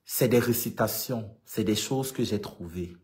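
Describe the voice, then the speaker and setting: A Cameroonian LGBT activist speaks casually to followers in a vlog monologue, with a Cameroonian French accent. The voice is mid-pitched, unhurried and somewhat dark in tone. Points are made emphatically and repeated for stress.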